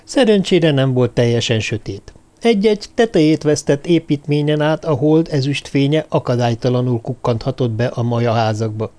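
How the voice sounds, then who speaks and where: A man narrating a novel as an audiobook, reading in a steady, measured way. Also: mid-range voice. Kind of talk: scripted narration.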